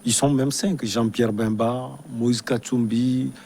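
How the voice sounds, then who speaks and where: A man's voice: medium pitch, steady tone, takes it slowly, darkish tone, a little hiss or hum. A man interviewing a guest in a studio, asking short prompting questions and murmuring along. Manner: brief prompting questions and back-channel murmurs.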